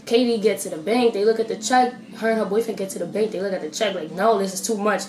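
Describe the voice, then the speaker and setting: A woman's voice: mid-range voice, quick pace, background noise. A young woman vlogging casually, retelling movie plots and recommending films in a chatty, playful, slangy way. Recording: echoey room with faint music.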